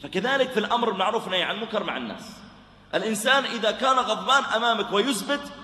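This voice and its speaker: A quick-talking man preaches with anecdotes, animated and acting out both sides of each exchange. His voice is bright and forceful, sitting a little high. It booms around an echoey hall with a long reverb and faint background hum. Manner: animated, acts out dialogue, drops to soft voice for gentle quotes. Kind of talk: religious lecture with storytelling.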